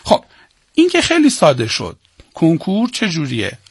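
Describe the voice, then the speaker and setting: A man teaching poetic meter for an entrance exam. He talks straight to his students, asks questions and answers them himself, and slows down to spell out each meter. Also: fairly high pitch, wildly swooping pitch, breathy edge, no room sound, studio quality. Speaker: Persian literature teacher. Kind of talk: exam-prep lesson.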